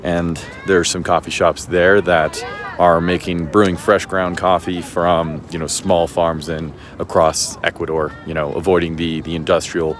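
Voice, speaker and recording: Male travel vlogger, deep voice, casual rambling delivery, recorded outdoors. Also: normal speed. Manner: relaxed, chatty, says "you know" and "like" a lot. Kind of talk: casual travel vlog narration. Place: outdoors on a hilltop city viewpoint.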